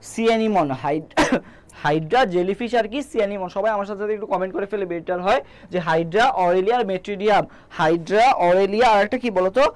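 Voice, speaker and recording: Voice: mid-range voice, fairly quick. A biology tutor with a Bangladeshi Bengali accent runs a live online lesson. The tutor fires off short questions and answers them right away, drilling terms over and over. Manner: quizzing, asks and answers own questions; reads viewer names from comments. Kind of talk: live online class teaching.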